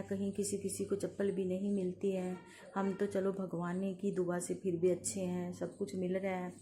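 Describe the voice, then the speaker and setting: A woman walks through open village fields, filming on her phone and chatting in a meandering way as she points things out. Her voice is mellow and fairly flat in pitch. A faint outdoor hum sits behind her. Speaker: vlogger. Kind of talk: casual walking vlog narration.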